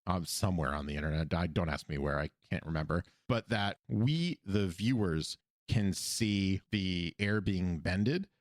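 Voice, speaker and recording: A man co-hosting a podcast, recapping an episode in animated casual chat and laughing often. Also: low-pitched, a little slow, hardly any pauses, no room sound, studio quality. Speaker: podcast co-host. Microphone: podcast microphone.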